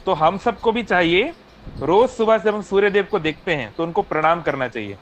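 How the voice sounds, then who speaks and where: A man's voice: high-pitched, animated, moderate pace, a little hiss or hum, rough recording. A man teaching an online devotional class from his phone, explaining patiently and checking in with listeners, mixing English phrases in. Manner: explanatory, asks "है ना?" often, mixes English phrases.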